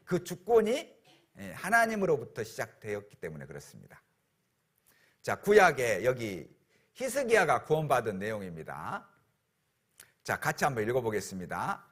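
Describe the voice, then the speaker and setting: A middle-aged male pastor preaching a sermon, telling a story with rhetorical questions in a husky voice. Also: medium pitch, huge pitch swings, normal speed, long pauses, a bit bright.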